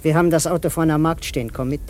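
A man's voice: fairly high pitch, fairly even intonation, racing, slight background noise, lightly acted. A man playing a threatening gangster in a radio play, sneering and menacing.

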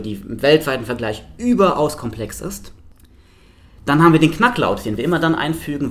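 A man, a linguist, giving a playful science slam talk with lively spoken examples. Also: medium pitch.

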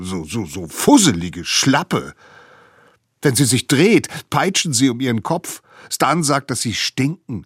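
A man reading a children's novel aloud on the radio with expressive, animated storytelling. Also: sits low, slightly rough, no echo, clean studio sound. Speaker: reader of a children's book.

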